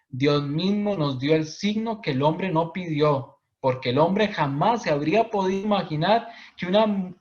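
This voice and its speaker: Costa rican priest teaching bible class, slightly high voice, patient, keeps asking right?, muffled lo-fi audio. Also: male voice. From Costa Rica. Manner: patient, repeats points, frequent tag questions. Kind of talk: explanatory lecture. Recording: dull lo-fi audio.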